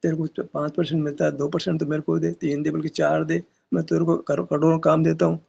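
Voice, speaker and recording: A man's voice: on the high side, little pitch movement, fast, gravelly, a little mellow, breathy edge. A man teaching at a meditation session, arguing his point with rhetorical questions and casual asides. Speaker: spiritual teacher. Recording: dull lo-fi recording.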